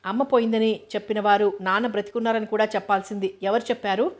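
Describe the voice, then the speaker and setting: A woman reading a gentle doctor father. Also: medium pitch, fairly even intonation, fast, natural voice. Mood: troubled. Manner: soft, consoling speech.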